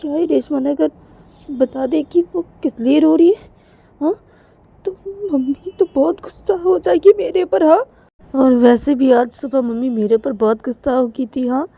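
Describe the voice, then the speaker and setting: Woman voicing a scared young woman, high-pitched, panicky, repetitive, mellow tone. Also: normal speed, vocal fry, dry recording. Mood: frightened. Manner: panicky, fretful, repeating herself. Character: frightened young woman dreading her angry mother. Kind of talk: storytelling in voices.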